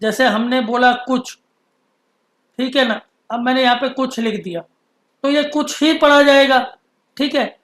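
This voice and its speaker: A man teaching Urdu script, patiently explaining and stretching out letter sounds slowly. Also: very high voice, fairly bright tone, echoey room. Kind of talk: explaining a lesson.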